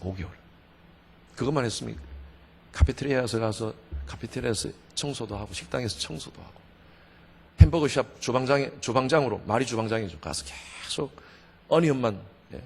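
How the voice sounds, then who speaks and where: A middle-aged Korean pastor telling a personal testimony in a revival sermon, animated, swinging between loud outbursts and quiet asides. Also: male voice, mid-range voice, creaky, husky. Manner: storytelling, animated, with sudden shouts and quiet asides. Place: church sanctuary. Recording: church hall with long reverb.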